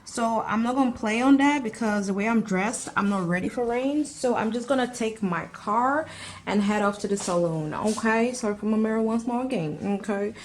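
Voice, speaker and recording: A woman's voice: a little high, moderate pace, slight background noise. A young woman chatting casually to the camera in a vlog, talking frankly, sometimes slipping into French, her voice heavy from the morning. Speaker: vlogger. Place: home, then outdoors. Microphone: handheld camera or phone.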